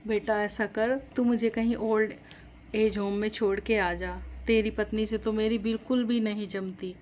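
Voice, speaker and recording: This is a middle-aged mother-in-law from a moral storybook, voiced by a woman, stubborn and devoted to old customs. She complains and insists in a middle-pitched voice. A faint steady noise sits under the recording. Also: normal speed, close to an everyday voice. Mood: tearful.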